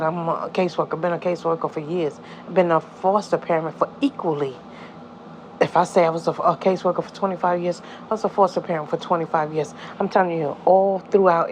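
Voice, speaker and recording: A woman's voice: fairly low pitch, darkish tone, slight background noise, rough recording. A middle-aged woman, telling a painful personal story in a rambling vlog, often asking "you know what I mean". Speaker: caseworker and foster parent.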